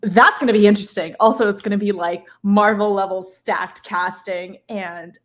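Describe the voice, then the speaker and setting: A woman's voice: mid-range voice, steady tone, moderate pace. A woman co-hosting a podcast in casual chat, wry, with hesitant restarts. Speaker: podcast co-host.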